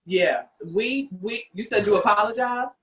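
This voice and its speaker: An American woman hosts a casual podcast discussion, sharing her opinions earnestly and emphatically. Her voice is mid-range and unhurried.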